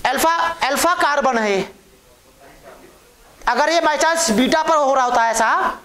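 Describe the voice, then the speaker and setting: A woman's voice: high-pitched, slow pace, fairly bright tone. A woman teaching a chemistry class, coaxing her students with questions that she answers herself. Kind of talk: classroom lecture. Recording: echoey room.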